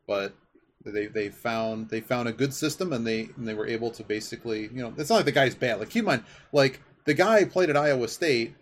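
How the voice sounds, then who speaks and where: Clear background noise runs under this podcast, where a male host talks sports casually, rambling with enthusiasm. He speaks briskly at medium pitch, with lively intonation.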